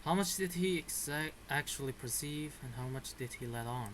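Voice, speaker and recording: A man's somewhat high voice at a moderate pace, with background noise and game music behind him. He's a gamer giving casual commentary as he plays, reacting informally and muttering to himself.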